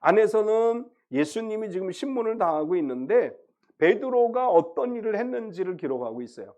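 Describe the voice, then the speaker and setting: A man with a high voice preaches a sermon from the pulpit. He retells the story in a conversational way and acts out the quoted lines, dropping to a hush and then rising again. His delivery comes in lively bursts. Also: a little fast, muffled recording. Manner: acts out quoted voices of Peter and Jesus, swinging loud to soft. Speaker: pastor.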